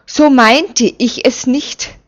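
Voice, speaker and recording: A fawning, cowardly man from a storybook reading, whining in a raised, pleading voice, as a woman puts him on. The delivery is slow. The sound is dull and lo-fi. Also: a little high, big pitch swings, pitched above the performer's own voice. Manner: whiny, obsequious. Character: fawning, cowardly male underling. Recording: dull lo-fi recording.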